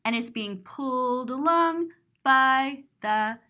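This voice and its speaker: A woman teacher reads a picture book to children in an animated, playful way, expressively describing the pictures. Her voice is high-pitched and sharp, and she speaks slowly.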